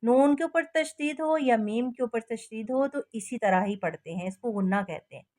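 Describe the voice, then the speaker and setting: A woman teaching a recitation lesson, chanting verses slowly and melodically, then explaining each rule in plain speech. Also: a little high, darkish tone. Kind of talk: slow tajweed lesson with recitation.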